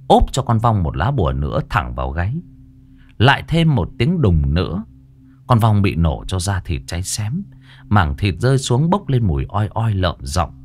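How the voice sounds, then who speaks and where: A man narrating a ghost story in a dramatic, expressive way. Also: sits low.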